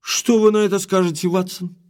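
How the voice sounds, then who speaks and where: An actor playing Sir Henry, a frank, indignant baronet and master of the house, blunt and argumentative in an audio drama. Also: male voice, high-pitched, fairly even intonation, fairly quick, darkish tone, lightly acted. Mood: doubting.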